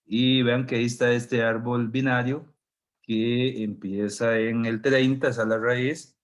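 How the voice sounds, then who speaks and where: A man teaching an online class with a sore throat, clearing it often and explaining slowly step by step. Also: medium pitch, level tone. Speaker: university professor.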